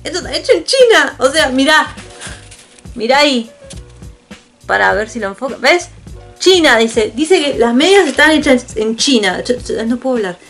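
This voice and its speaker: Woman vlogger, Argentine accent, loose chatty delivery with casual swearing, voice sitting a bit high, faint music underneath. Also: animated, moderate pace, a bit bright. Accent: Argentine Spanish. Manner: rambling, chatty, swears casually, laughs often. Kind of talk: casual unboxing chat.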